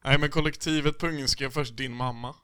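Young guy hosting a chill podcast, mid pitch, dry close sound. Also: fairly even intonation, fairly bright tone, smooth, no echo. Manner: laughing, swearing, loose banter. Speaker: podcast host reading listener answers. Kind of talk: casual podcast chat.

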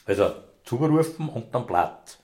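A man's voice: medium pitch, animated, moderate pace, darkish tone. A man, a former rescue dog handler, telling long rambling anecdotes in broad dialect in a casual interview.

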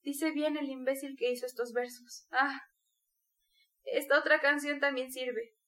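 A woman's voice: high voice, flat delivery, measured pace, fairly bright tone. A woman voicing a dying mother in delirium, feverish and torn between pleading and rage, in an audiobook reading. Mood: delirious.

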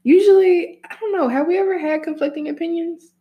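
A woman's voice: very high-pitched, fairly quick, echoey room, lo-fi sound. A woman, co-hosting a casual podcast chat, who teases and laughs often. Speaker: podcast co-host.

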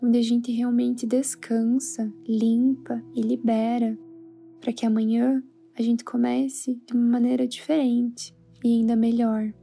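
A Brazilian woman guiding a sleep meditation in a soothing, hushed, spa-like manner. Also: on the high side, flat delivery, measured pace, creaky, husky. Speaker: meditation guide. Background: soft background music.

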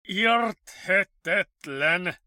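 A man's voice: high-pitched, animated, sharp tone, no room sound, studio quality, pitched above the performer's own voice, exaggerated voice. A man doing an exasperated clinic director. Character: older male head of a psychiatric clinic. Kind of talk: audiobook character voice.

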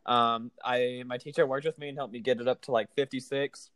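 A man's voice: mid-range voice, steady tone, fairly quick, fairly bright tone, dry recording. A man of twenty hosting a podcast, talking loosely and swearing often, with lots of fillers. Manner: loose and profane, with many fillers. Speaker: podcast host. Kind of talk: casual chat.

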